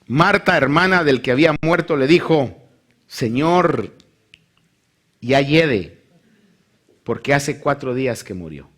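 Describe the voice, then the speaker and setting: A male pastor's mid-range voice moves slowly through his sermon, broken by long pauses. He reads scripture and animatedly plays the various figures in the Bible story.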